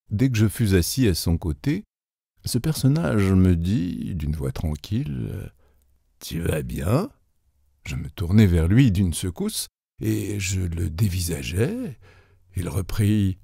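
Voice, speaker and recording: A man reading a literary story aloud as narrator, in a measured, deliberate way. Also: on the low side, creaky, dark tone, no echo, clean studio sound.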